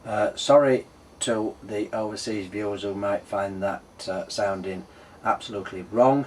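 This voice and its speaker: A man's voice: fairly low pitch, measured pace, slight background noise, poor audio. A man with a Yorkshire accent hosting a casual, unscripted workshop tutorial, explaining things in a hesitant way. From Yorkshire, England. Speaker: host of a workshop engineering channel.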